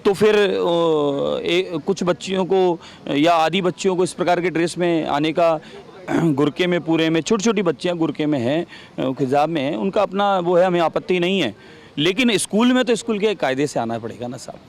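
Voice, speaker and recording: A man's voice: fairly high pitch, normal speed. A man giving a heated interview as a legislator, combative, repeating rhetorical questions.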